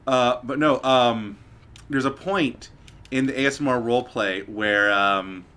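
A man playing a game on stream, cracking crude jokes in casual commentary and sometimes bursting into shouts. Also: medium pitch, measured pace, smooth. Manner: crude joking, sudden shouted outbursts. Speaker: let's play streamer.

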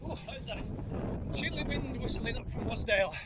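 Middle-aged male running vlogger, high-pitched voice, chatting while jogging outdoors, loud wind noise throughout. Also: normal speed. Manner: talking while jogging over rough mountain paths. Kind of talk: casual running commentary to camera. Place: outdoors on a windy open mountainside. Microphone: handheld camera at arm's length.

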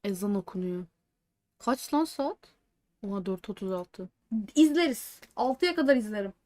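A woman streamer chatting live to her viewers while watching a match, with excitable reactions and joking asides that mix in English words. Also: mid-range voice, moderate pace, soft background music. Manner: excitable, swings between joking chatter and anxious outbursts.

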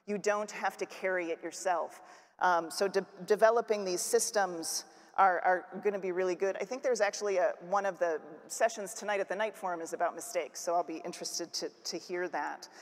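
A woman's voice: on the low side, fairly even intonation, fairly quick. Woman giving a keynote in a reverberant hall. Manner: conversational, with fillers and restarts. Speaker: keynote speaker. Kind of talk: conference keynote talk. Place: large conference hall stage.

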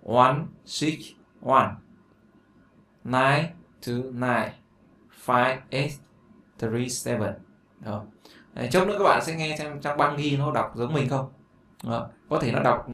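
A chatty man with a Vietnamese accent walks beginners through an English lesson, repeating key words and throwing in asides. His voice sits at an ordinary middle pitch. The recording is roomy and echoey, with a faint hiss behind him. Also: vocal fry. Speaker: English teacher. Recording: echoey room with faint noise.

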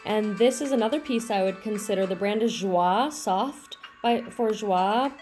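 Soft background music plays as a middle-aged woman with a mid-range, slightly mellow voice talks unhurriedly through her thrift haul. She is a reselling vlogger from the Boston area, USA, with a faint Boston accent on a handful of words, chatty and enthusiastic about her clothing finds in a casual haul vlog.

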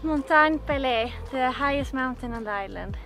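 A woman's voice: high voice, normal speed, fairly bright tone, faint music behind. A woman co-hosting a sailing vlog, out of breath and chatty while hiking up a mountain. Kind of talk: casual vlog chat. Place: outdoors on a mountain hike.

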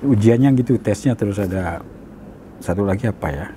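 A man's voice: fairly low pitch, brisk, mellow, a little hiss or hum. A man in his seventies from Palembang, reminiscing as an interview guest and often acting out old conversations. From Palembang, Indonesia.

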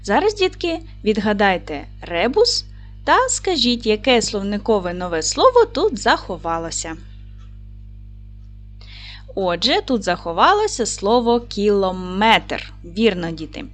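Woman teacher, animated and encouraging, clear classroom delivery, faint music under the voice. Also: mid-range voice, measured pace. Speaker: primary school teacher. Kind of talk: recorded video lesson for children.

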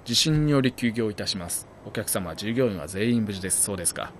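Jokey man yelling over a video game. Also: on the low side, lively intonation, brisk, a little hiss or hum. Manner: chatty, jokey, bursts into loud startled yelling. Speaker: game commentator. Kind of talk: let's play commentary. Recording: loud game sound behind the voice.

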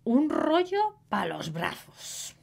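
A woman reads a story for learners very slowly. She enunciates every word with care in a high, bright, lively voice. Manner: deliberate, clearly enunciated. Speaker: Spanish teacher, storyteller. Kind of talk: slow story reading for learners.

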